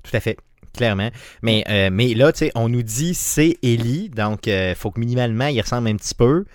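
A man with a Quebec French accent hosting a casual panel chat, relaxed and full of fillers, putting questions to the others. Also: medium pitch, brisk, no room sound, clean studio sound. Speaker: podcast host.

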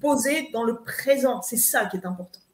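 Cast note: emphatic woman coach, high voice, roomy echo, lecturing with frequent fillers. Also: lively intonation, normal speed. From eastern France. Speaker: spiritual coach guest. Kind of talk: live advice talk.

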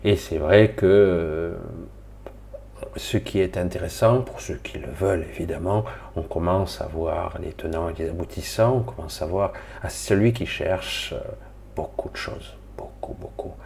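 A man's voice: low-pitched, unhurried, gravelly, darkish tone, a little hiss or hum. A middle-aged man from Marseille, rambling casually and colloquially to viewers of his spiritual live stream. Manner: rambling, colloquial, swears, talks to viewers directly.

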